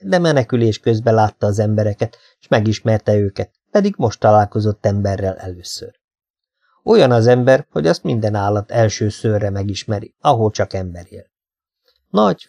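A man narrating a literary audiobook in a calm, measured way. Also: on the low side.

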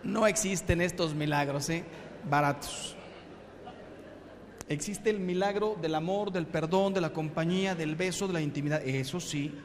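A middle-aged Mexican man, a priest, giving a humorous sermon with lively, punchy storytelling in a hall. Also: fairly high pitch, normal speed, slight background noise. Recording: long hall reverb.

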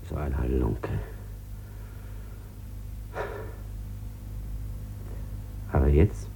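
A desperate broke gambler, feverish and stammering as he pleads on the phone. His husky voice sits fairly high and swings widely up and down. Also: a little mellow, heavily acted. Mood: pleading. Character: desperate broke male gambler, sick and in debt. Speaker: lead character in a radio drama. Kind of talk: 1950s radio play acting.

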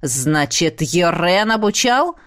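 A woman's voice: very animated, slow pace, fairly bright tone, exaggerated voice. A woman voicing a cruel, cold-hearted male emperor who wields ice magic. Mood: cold menace. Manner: low, cold and menacing.

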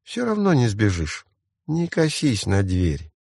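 A man's voice: lowish voice, wildly swooping pitch, a little slow, creaky, darkish tone, no room sound, clean studio sound, exaggerated voice. A man reading an audiobook voices a small, stubborn little girl who bosses and scolds. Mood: bossy. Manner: bossy, scolding, matter-of-fact.

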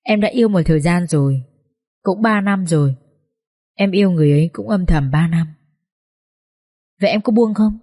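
A woman voicing a quietly heartbroken young male doctor in a storybook reading, earnest and gentle. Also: lowish voice, normal speed, pauses often, close to an everyday voice.

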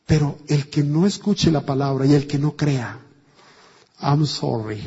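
A man with a Colombian accent preaching a sermon, animated, asking many rhetorical questions and swinging between loud and soft. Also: a little high, normal speed, breathy edge. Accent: Colombian Spanish. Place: church hall. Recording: dull sound with long church reverb.

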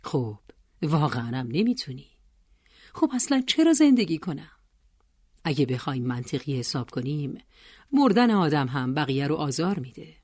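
A woman voicing a stern, calm librarian who speaks low and measured. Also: husky, no echo, clean studio sound, exaggerated voice.

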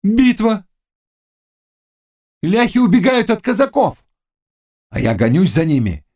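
A man voicing a fierce, mocking young witch and fortune-teller in an audiobook, chanting incantations in a high, loud voice. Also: sing-song, unhurried, full character voice. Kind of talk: audiobook character reading.

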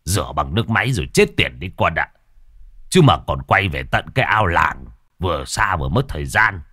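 A man doing a crude, gruff father. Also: sits low, big pitch swings, pushed and bright, no room sound, clean studio sound, pitched below the performer's own voice, heavily acted. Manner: crude, blunt, quick-talking. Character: gruff coarse middle-aged father, vegetable seller.

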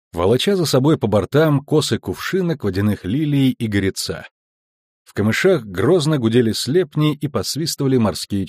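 A man narrating an audiobook in a steady storytelling voice. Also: medium pitch, no echo. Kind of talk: scripted narration.

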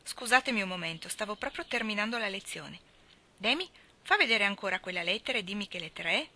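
A woman's voice: mid-range voice, animated, quick pace, bright, forceful tone. Woman voicing an unruffled old grandfather. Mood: composed. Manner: composed, unruffled. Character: calm elderly grandfather, unflappable scholar.

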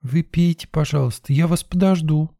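A man voicing a small frightened, stubborn little girl in an audiobook, squeaky and tearful. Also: normal speed, gravelly, dark tone. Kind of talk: audiobook character voice.

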